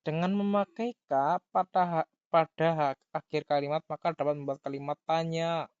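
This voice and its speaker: A man giving a grammar lesson, who talks slowly, repeats key words and reads example sentences aloud. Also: a little high, fairly even intonation, darkish tone, clear, resonant tone, no echo. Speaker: language teacher. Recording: dull lo-fi dry sound.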